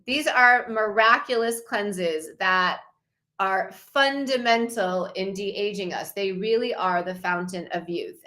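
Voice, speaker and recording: A woman in her fifties, a wellness coach, presents slides to a challenge group in an enthusiastic, promotional way. She speaks slowly and deliberately in a mid-range voice that is a bit bright.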